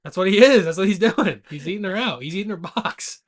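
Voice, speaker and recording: With a high-pitched, animated voice and a slightly fast pace, this man co-hosts a movie podcast. A couple of beers in and a little tipsy, he keeps the chat casual, rowdy, loose, and irreverent.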